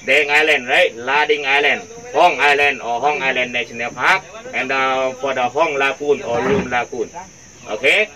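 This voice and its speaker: A man's voice: mid-range voice, fairly even intonation, normal speed, bright, forceful tone, poor audio. A man with a Thai accent, working as a tour guide and speaking through a face mask. He briefs a boat tour group in broken English, repeating his points.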